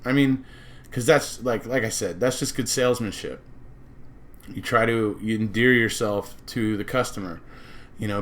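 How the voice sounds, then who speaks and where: A man's voice: mid-range voice, fairly bright tone. An American man giving a casual, speculative monologue as a true-crime commentator, rambling and circling back to repeat his points.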